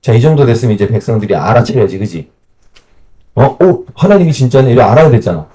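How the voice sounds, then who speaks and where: A man teaching a Bible camp class, retelling stories in lively, colloquial speech and putting questions to his listeners. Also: lowish voice, quick pace, slightly rough.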